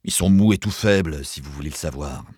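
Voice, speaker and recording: A man's voice: very deep voice, fairly quick, darkish tone, husky, dry recording, studio quality. A man reading an audiobook, speaking as onlooking frontier men who comment in a wry, ironic way. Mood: blunt. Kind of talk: audiobook character voice.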